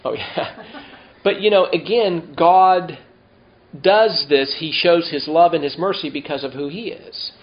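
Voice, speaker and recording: A man preaching a sermon, reading scripture slowly and emphatically and asking the congregation rhetorical questions. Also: fairly high pitch. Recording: dull lo-fi sound.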